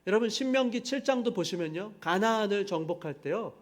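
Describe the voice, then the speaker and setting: A man's voice: sits high, lively intonation, brisk. A middle-aged man, the senior pastor, preaching a sermon in a church sanctuary, with emphatic rhetorical questions to the congregation.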